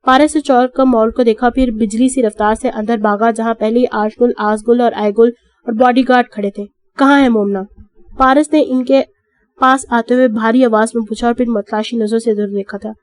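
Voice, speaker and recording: Slightly high woman narrating an audiobook. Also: fairly even intonation, no room sound.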